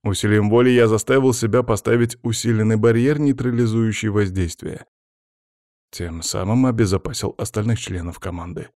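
A man reading a first-person fantasy audiobook in a measured, even manner. His voice is on the low side, and the recording is dry and close, with no room sound. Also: no echo. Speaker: audiobook narrator. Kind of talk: scripted first-person narration.

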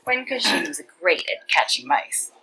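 A woman casually reading fiction aloud, relaxed and chatty, stopping to correct herself. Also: fairly low pitch, moderate pace, slightly rough, low-quality recording. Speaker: reader.

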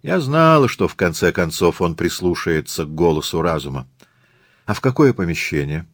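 A man's voice: deep voice, big pitch swings, normal speed, no echo, studio quality, exaggerated voice. A man reading an audiobook, voicing a bossy, fussy middle-aged mother who exclaims shrilly. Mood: prim.

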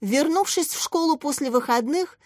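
A woman's voice: high voice, lively intonation, moderate pace, a little mellow, dry recording, clean studio sound. Woman reading a children's story. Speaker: narrator. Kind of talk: storybook reading with character voices.

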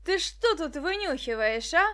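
Lady doing a raspy little crook guy, gruff, yells a lot, loud. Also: on the high side, normal speed. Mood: menacing. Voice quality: hoarse, rasping. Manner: gruff, shouts in bursts. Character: short wiry male thug, rough and shifty.

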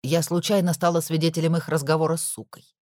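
A woman voicing an older, caring, gossipy woman in an audiobook, confiding in a low voice. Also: level tone, fast, a little mellow, no echo, studio quality, close to an everyday voice. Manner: confiding, chatty.

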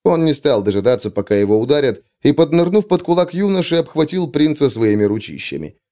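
A man reading an adventure story aloud as narrator, in steady, dramatic storytelling. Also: fairly high pitch, a little fast. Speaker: audiobook narrator. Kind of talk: scripted narration.

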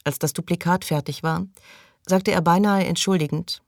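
A woman narrating a novel as an audiobook in a steady, even reading style. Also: on the low side, normal speed, no echo, studio quality. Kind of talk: scripted narration.

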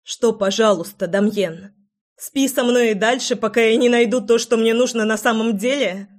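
A woman's voice: medium pitch, normal speed, darkish tone, natural voice. A woman voicing a resolute young seer who speaks coldly and cuttingly. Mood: scornful. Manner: cold, cutting.

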